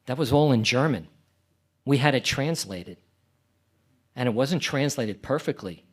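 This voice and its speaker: A man giving a conference presentation for a club, talking in a relaxed, reassuring way and slowing down to demonstrate. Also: mid-range voice.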